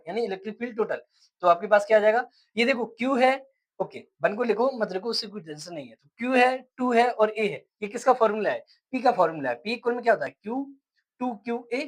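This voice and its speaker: A man's voice: sits high, rough recording. A man teaching a physics lecture step by step, asking questions and answering them himself. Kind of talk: classroom lecture.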